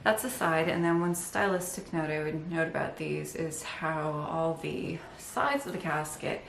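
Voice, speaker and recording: Breathless from holding up a heavy piece, an embroidery channel host gives casual show-and-tell narration of her stitching, eager and wryly funny. She speaks low, creaky, and at a measured pace. The sound is roomy, recorded indoors near windows, with a little hiss or hum.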